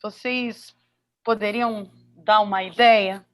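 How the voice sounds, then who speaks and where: A woman's voice: mid-range voice, steady tone, slow pace, a bit bright. A woman with a Brazilian accent informally moderating a live panel and reading out audience questions.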